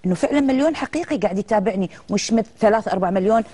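A middle-aged actress, appearing as a guest in a casual TV interview, tells lively, animated stories with quoted dialogue. Her medium-pitched voice races along.

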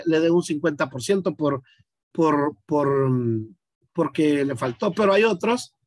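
A male teacher with a notably high voice talks his class through an exercise one step at a time. He thinks out loud and keeps turning to his students with questions. The sound is close and dry, with no room around it. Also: dry recording. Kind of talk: online class demonstration.

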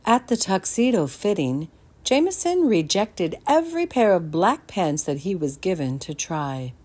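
A woman reading a children's picture book aloud, expressive and pausing to ask her listeners questions. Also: fairly low pitch, husky. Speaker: storytime reader. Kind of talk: children's read-aloud narration.

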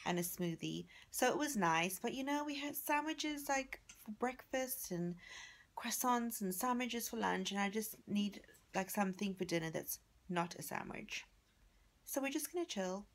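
A woman's voice: medium pitch, animated, normal speed. A woman vlogging to camera from a hotel room, chatting in a rambling way with fillers and giggles, filming at arm's length. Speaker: family vlogger. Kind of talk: casual vlog chat to camera. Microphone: handheld camera held at arm's length.

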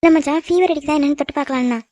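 Quick high-pitched woman, cartoon dub. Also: a little mellow, no echo. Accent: Tamil. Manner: scolding and teasing. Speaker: voice actor in a cartoon. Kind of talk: animated cartoon dub acting.

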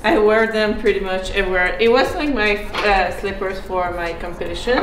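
Speaking briskly in a mid-range voice, a chatty young fitness athlete shares training tips in a relaxed vlog from her home garage gym and kitchen. Hesitant fillers and light laughs pepper her talk, and hip hop music echoes through the roomy garage.

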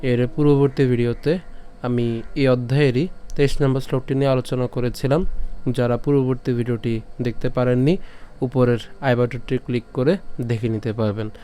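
A man teaching how to pronounce Sanskrit verses, breaking words into syllables and chanting each line slowly. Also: mid-range voice, steady tone, dark tone, a little hiss or hum. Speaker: Gita recitation teacher. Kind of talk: recitation lesson.

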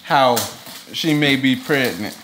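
A woman filming a casual family vlog, chatty and quick to laugh. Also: very deep voice, expressive, a bit bright, slight background noise. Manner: laughs often, informal Southern-style slang. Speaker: vlogger.

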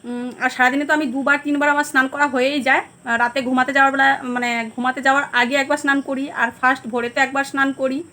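A woman vlogger with a Bengali accent, chatting casually to viewers at home about her day, rambling with many fillers, her voice a little hoarse. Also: high voice, level tone, racing, sharp tone. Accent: Bengali (West Bengal). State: hoarse, throat going. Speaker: vlogger, housewife. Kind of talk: casual vlog chat to viewers.

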